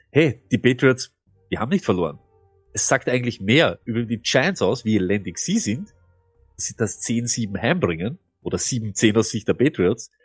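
A man's voice: mid-range voice, slightly rough, dry recording. A man co-hosting a fantasy football podcast, telling things emphatically and animatedly. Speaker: podcast co-host. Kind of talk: casual fantasy football chat.

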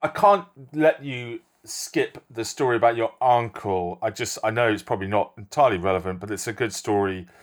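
A man hosting a podcast, introducing and interviewing a guest in a relaxed, conversational way. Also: lowish voice, fairly quick, hardly any pauses. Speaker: podcast host.

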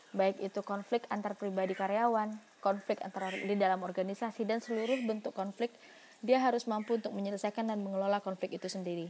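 A woman's voice: mid-range voice, dark tone, slight background noise. A woman giving a university lecture in an explanatory way, asking herself questions and answering them, with frequent fillers.

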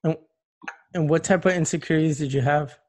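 A man's voice: on the high side, fairly quick, darkish tone. A man interviewing a guest and drawing her out with short, prompting questions. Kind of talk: personal interview.

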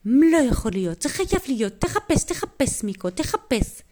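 A woman voicing an excitable older grandmother who gushes, repeats herself and gets teary with excitement in a made-up bedtime story. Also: high voice, pitched above the performer's own voice. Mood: eager.

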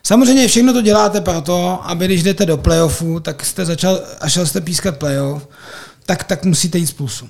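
A man's voice: sits high, gravelly, a little mellow. A man, a hockey referee, chatting on a podcast and rambling with lots of fillers and restarts. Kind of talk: casual podcast chat.

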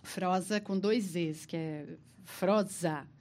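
A woman's voice: on the low side, takes it slowly, a little mellow. A woman guest on a podcast telling a story in casual chat, laughing often and acting out the people she quotes.

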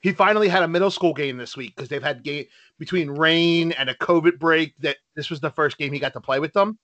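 A middle-aged man and father chatting casually on a podcast, telling stories with lots of laughter and quick asides. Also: fairly high pitch, dull audio. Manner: animated storyteller, laughs often. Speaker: podcast co-host. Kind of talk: casual chat.

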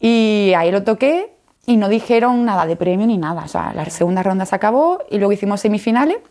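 Andalusian woman telling a lively story. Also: medium pitch, quick pace. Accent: Andalusian Spanish. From Jerez, Spain. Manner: animated storytelling, acts out her own past lines, laughs often. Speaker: flutist, interview guest. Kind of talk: casual interview chat.

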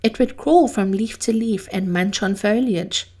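A woman hosting an inspirational series, delivering a scripted monologue in a theatrical, measured way with drawn-out emphasis. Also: mid-range voice, darkish tone. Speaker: host of a daily inspirational series.

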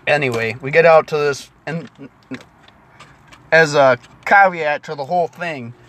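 A man's voice: fairly high pitch, measured pace, fairly bright tone. A man telling a party story in casual chat with a friend, rambling and swearing freely.

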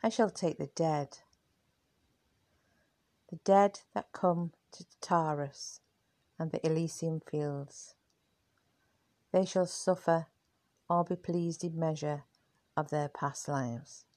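A woman's voice: low voice, steady tone, slow pace, pauses often, warm tone, dry recording. A woman voicing a grim male lord of the dead, making a solemn proclamation.

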